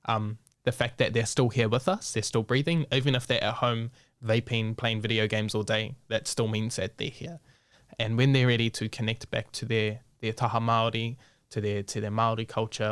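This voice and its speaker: A man's voice: lowish voice, no echo. A young man with a New Zealand accent, a guest speaking bluntly and frankly in a casual interview, swearing freely and mixing in Māori words.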